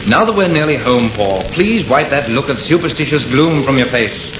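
On a muffled, echoey old radio recording thick with noise, a man acts in an old-time horror serial as a confident, enthusiastic artist. His natural, middle-pitched voice is brisk and theatrical with lively intonation. Amused and unafraid, he scoffs at any fear.

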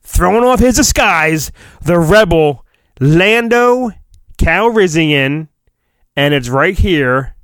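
A podcast host reads a storybook with hammy, comic drama, stopping now and then for joking profanity. His voice is a little high and a bit bright, animated but unhurried, with no echo.

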